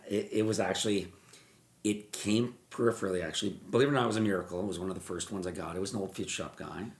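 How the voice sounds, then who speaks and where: A man, a mortgage broker, telling stories in a podcast interview, animated and repeating words as he acts out what people said. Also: sits low, racing. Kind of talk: storytelling interview chat. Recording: roomy echo.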